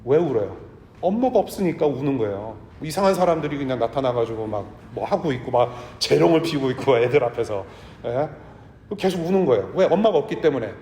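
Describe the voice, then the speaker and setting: A man preaching a sermon to his congregation in a church, talking in a conversational way and sometimes dropping to a hush. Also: mid-range voice, expressive, fairly quick, a little hiss or hum. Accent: Korean with English words mixed in. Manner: conversational preaching, drops to a hush for tender lines. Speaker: pastor. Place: church sanctuary. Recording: echoey church hall.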